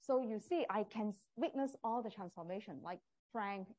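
A woman professor presents live to prospective students in a medium-pitched voice. She speaks with a Cantonese accent as a native Cantonese speaker. Her phrasing is non-native, with small slips in grammar. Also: moderate pace, darkish tone. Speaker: professor teaching a communication course.

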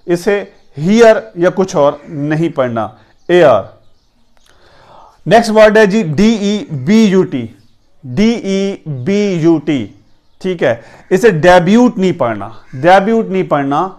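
A man's voice: high voice, lively intonation, darkish tone. A man teaching English pronunciation in an Urdu lesson, spelling words letter by letter and repeating each one.

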